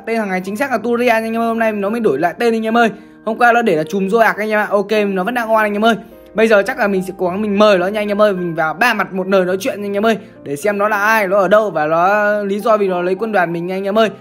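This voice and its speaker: A woman from Vietnam, giving chatty gaming commentary and constantly calling out to her viewers. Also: mid-range voice. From Bắc Giang, Vietnam. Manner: chatty, keeps calling out to the audience. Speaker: gaming streamer.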